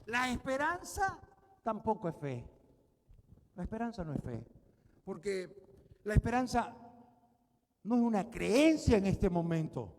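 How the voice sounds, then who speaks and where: High-pitched pastor guy preaching, keeps repeating lines and asking for amens, big church echo. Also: very animated, unhurried, long pauses, a little mellow, slight background noise. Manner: emphatic preaching, repeating phrases and calling for amens. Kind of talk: sermon.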